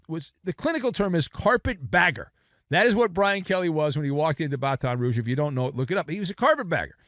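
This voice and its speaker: A man's voice: fairly high pitch, dry recording, studio quality. A man co-hosting a sports talk show, delivering an emphatic, sarcastic rant.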